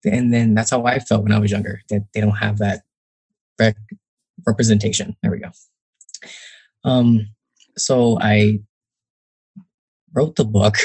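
With a lowish, husky voice and a darkish tone, a young New Jersey man speaks as a guest author in casual interview talk. He's a young adult, leaning on fillers and acted-out quotes, and the recording has no room sound.

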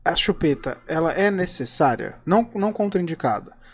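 A woman's voice: fairly low pitch, animated, normal speed. A woman with a Brazilian accent, hosting a casual talk show and asking questions in a teasing, playful way. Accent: Brazilian Portuguese.

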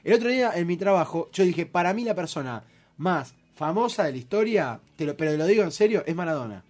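A man's voice: sits high, expressive, a little fast, darkish tone. A young Argentine man with a Rioplatense accent hosting a radio show, chatting casually and teasing his friends with slang. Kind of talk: casual banter among friends.

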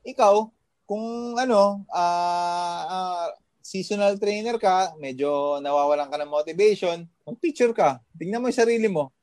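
Man from the Philippines, trainer guest, high voice, dry close sound, pep-talk delivery peppered with fillers. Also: unhurried, darkish tone, no echo. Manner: motivational, full of fillers and tag questions. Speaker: guest, fitness trainer working abroad. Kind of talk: casual podcast chat.

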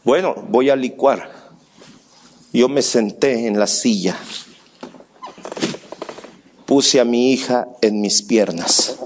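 Male pastor, middle-aged, slow deliberate delivery, fervent sermon. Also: mid-range voice, slight background noise. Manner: impassioned, swings from soft storytelling to near-shouting.

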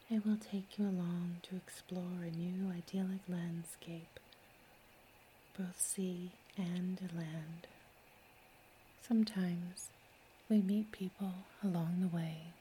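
A woman host whispering a calm, slow sleep story, close to the mic. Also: lowish voice, slight background noise, low-quality recording.

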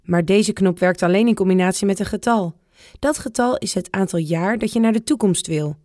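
A woman's voice: mid-range voice, a little fast, darkish tone, no room sound, studio quality, natural voice. A woman voicing a cheerful, joking old grandfather in a read-aloud children's storybook. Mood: explaining.

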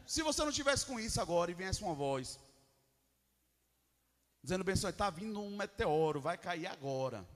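A Brazilian man preaching a sermon as pastor, emphatic, swinging from loud calls to hushed lines. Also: high-pitched. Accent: Brazilian Portuguese. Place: church hall. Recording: long hall reverb.

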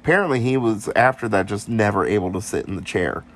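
A podcast co-host with a lowish, expressive voice talks fast as he casually retells a ghost story. He playfully slips into silly voices for the people in it. A crowd can be heard in the background.

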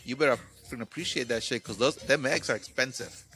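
A man's voice: medium pitch, quick pace, bright, forceful tone. A man of Mexican background hosting a podcast, chatting casually, laughing and joking and often repeating himself. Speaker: podcast host. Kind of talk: casual chat.

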